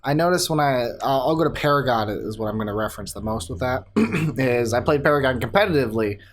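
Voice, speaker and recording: A man's voice: mid-range voice, quick pace, a little hiss or hum. A young man co-hosting a podcast, joking around and laughing easily in casual chat. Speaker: podcast co-host. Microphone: podcast microphone.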